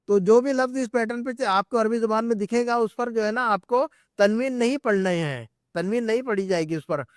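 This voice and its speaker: A man teaching a live Arabic class, explaining patiently, drilling words slowly and often checking that students follow. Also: very high voice, no room sound, studio quality. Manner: patient, repetitive explaining with frequent checks for understanding. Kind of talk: classroom grammar lesson. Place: live class at an Islamic centre.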